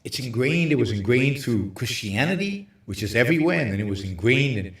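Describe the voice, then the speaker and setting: A man speaking in an even, middle-range voice, hosting a show and lecturing with emphasis. His voice bounces around a hotel room with very high ceilings, giving it a spooky cave-like echo. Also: brisk. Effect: hollow cave-like echo. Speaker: show host. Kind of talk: livestream talk on philosophy.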